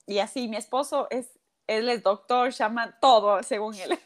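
A woman's voice: a little high, normal speed. A woman, a guest athlete telling a personal story in a casual chat and acting out the voices of the people in it. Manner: animated, acts out quoted voices.

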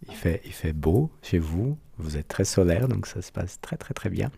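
Podcast host, a man with a Brazilian accent, deep voice, warm flowery phrasing. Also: expressive, moderate pace, vocal fry, husky. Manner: flowery, effusive compliments. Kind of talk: podcast interview.

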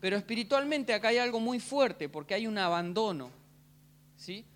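A man with an Argentine accent preaching a sermon, telling the story in a jokey, animated way and often checking in with his congregation. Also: high-pitched, normal speed. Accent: Argentine Spanish. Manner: animated, jokey, keeps asking the crowd "¿sí?".

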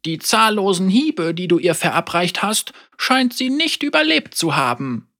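In an unhurried, exaggerated voice, the narrator brings to life an elderly mother and teacher whose humor is calm, dry and gently teasing. Her tone sits high and lilting and moves with lively melody.

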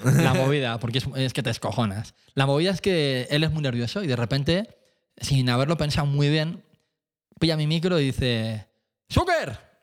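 A man telling a lively anecdote about his band on stage, acting out voices, laughing and swearing casually. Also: mid-range voice, normal speed. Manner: animated storyteller, acts out voices, laughs often, swears casually. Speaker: musician telling a tour story.

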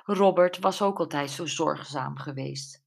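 A woman reading a mystery audiobook in a calm, measured way. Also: deep voice, gravelly. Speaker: audiobook narrator. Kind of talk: scripted audiobook narration.

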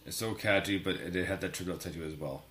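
A man's voice: sits low, quick pace, fairly bright tone. A man hosting a music podcast, laid-back and rambling, laughing often. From Canada. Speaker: music show host. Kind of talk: casual podcast chat.

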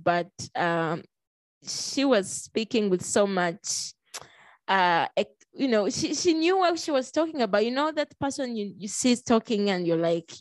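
A woman from Congo hosting a casual podcast interview, chatty and expressive with frequent jumps in pitch. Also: no echo. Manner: chatty with small restarts and fillers. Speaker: podcast host.

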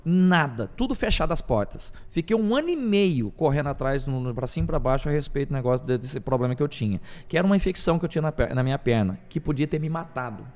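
A man, a pastor, telling his life testimony in a podcast interview, animated, acting out the voices of others as he talks. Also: mid-range voice, quick pace, hardly any pauses. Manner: animated storyteller, quotes God and others in lively bursts.

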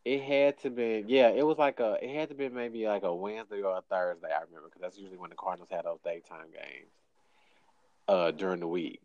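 Dude w a st just telling a story, dry and easygoing, lowish voice, close dry sound. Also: male voice, a little fast, a little mellow, dry recording, lo-fi sound. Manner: dry, laid-back delivery with lots of "like" fillers; acts out the people he quotes. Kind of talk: casual storytelling chat.

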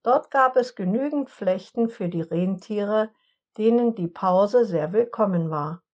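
A woman narrating an audiobook story in a calm, measured manner. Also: medium pitch, highs cut off.

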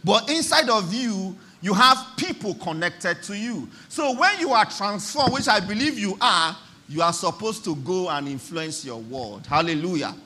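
Lively, bright-voiced preacher man. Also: high-pitched, moderate pace. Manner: emphatic, repeats key phrases, calls for congregation response. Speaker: pastor. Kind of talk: church sermon.

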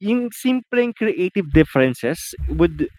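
A man with a Filipino accent co-hosting a casual podcast, talking straight to listeners and often dropping into a low mutter. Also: very animated, slow pace, a little mellow, no echo. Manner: chatty, addresses listeners as guys, drops to a low mutter. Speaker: podcast co-host. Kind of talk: casual chat.

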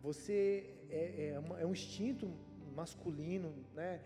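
A man's voice: a little high, measured pace. A male Brazilian pastor preaching a sermon in a conversational way, often tagging sentences with "né?". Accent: Brazilian Portuguese. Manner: conversational preaching, frequent "né?" tags. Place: church hall. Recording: reverberant church hall with soft music.

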